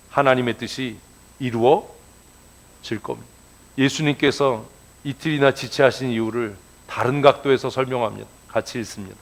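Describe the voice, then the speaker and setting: A man preaching a sermon as pastor, asking the congregation questions and swinging from loud cries to hushed asides. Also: medium pitch. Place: church sanctuary.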